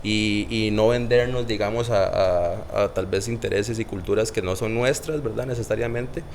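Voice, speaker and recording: Costa rican guy, kinda low voice, lots of "digamos, verdad", faint background hum. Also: normal speed. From Costa Rica. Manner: hesitant, many fillers and tag questions. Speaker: guest, medical doctor. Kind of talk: casual interview chat.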